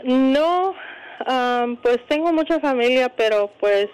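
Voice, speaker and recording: A woman's voice: sits high, lively intonation, takes it slowly, darkish tone, clean tone, soft background music, poor audio. A woman calling in to a radio show, speaking hesitantly. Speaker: caller.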